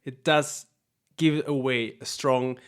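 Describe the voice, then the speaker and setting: Man, russian accent, russian native, casual reaction, explains and repeats words slowly, mid-pitched voice. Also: fairly even intonation, clear, resonant tone. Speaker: host reviewing an actor's accent.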